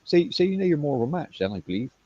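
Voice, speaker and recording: A man chatting casually and agreeing warmly, calling her sis and ending points with tag questions. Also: a little high, very animated, very fast, slightly rough, dry recording, dull audio. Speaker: chat guest. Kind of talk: casual live chat.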